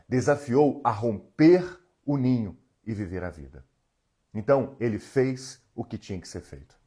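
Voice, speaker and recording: Husky and dark-toned, this fairly low voice belongs to an emotional healing therapist in his 40s. Streaming live from home, he coaches earnestly, talking straight to his audience and reading out their comments.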